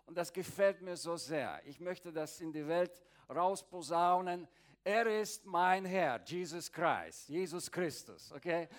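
A man's voice: fairly high pitch, unhurried. A male pastor preaching a sermon, emphatic and often checking in with "okay?". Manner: emphatic, repeats "okay?" to the congregation.

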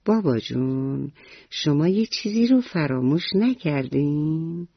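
A woman's voice: low-pitched, lively intonation, husky, dry recording, dull audio, heavily acted. A woman storyteller voicing an eager, proud little schoolboy who politely lectures his father about traffic rules, in a bedtime radio story. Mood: earnest.

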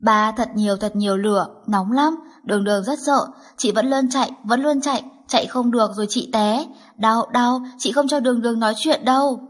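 A woman's voice: a little high, brisk, close to an everyday voice. Woman doing a frightened little girl. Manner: pleading, childlike. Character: frightened tearful little girl, clingy and sweet. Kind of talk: audiobook dialogue.

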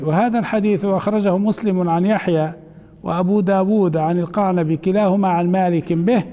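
Sheikh giving a class, high-ish voice but dark and mellow, reads then explains, reverb from the hall. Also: male voice. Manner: reads the text aloud, then explains it in colloquial asides with questions to the class. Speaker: sheikh teaching a hadith commentary. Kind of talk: classroom lesson reading and explaining a text.

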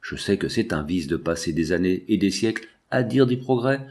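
A man voicing an aging male scientist, weary and stubborn, speaking in measured, solemn tones. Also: deep voice, expressive, darkish tone.

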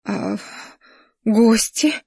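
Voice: mid-range voice, lively intonation, a little slow, a little mellow, husky, no echo, studio quality. An audiobook reader voicing a clingy, red-haired young woman who whines and pleads in a nasal voice. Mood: indignant. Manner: nasal whining, coy pleading. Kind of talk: audiobook character voice.

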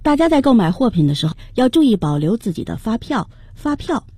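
A woman's voice: fairly high pitch, sing-song, a little fast, dark tone, husky. A woman co-hosting a radio English lesson, introducing each new word and prompting her partner.

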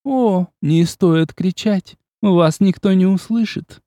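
A man's voice: high voice, takes it slowly, warm tone, dry recording, clean studio sound, pitched above the performer's own voice. A man voicing a small, playful female vampire countess who mocks and teases in a sarcastic, flirtatious way. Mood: mocking, playful. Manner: teasing, sarcastic, coquettish.

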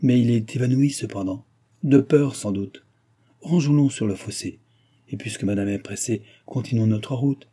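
A blunt, impatient coachman who barks his words in a brusque manner, as a male narrator puts him on. The voice is dark and husky, set a little higher than a plain reading voice, for an audiobook. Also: moderate pace, natural voice. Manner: shouting, brusque. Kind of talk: audiobook character voice.

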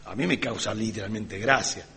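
A man preaching a sermon as pastor, ironic and sarcastic, with lively delivery. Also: lowish voice, a little fast, husky. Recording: reverberant hall.

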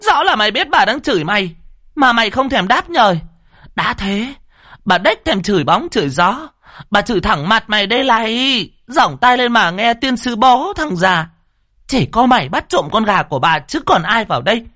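A man's voice: sits high, big pitch swings, moderate pace, bright, forceful tone, no room sound, studio quality, voice pushed up, full character voice. A man voicing a furious, foul-mouthed village woman who hurls curses at her neighbor. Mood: ranting. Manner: screeching, cursing tirade.

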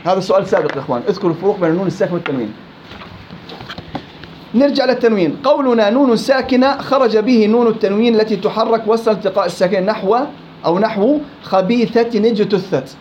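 A man's voice: high-pitched, rapid-fire, slight background noise. A man with a Levantine Arabic accent teaching Quran recitation rules in a live class, quizzing his students and teasing them as he goes. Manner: questioning students, teasing and lively. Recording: dull lo-fi classroom recording.

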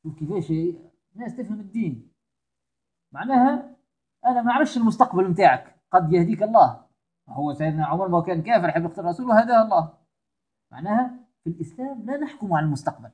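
A man's voice: high voice, expressive, rapid-fire, a little mellow, breathy edge. A man with a Tunisian accent giving a religious lesson, emphatic and repeating his key phrases. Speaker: religious teacher.

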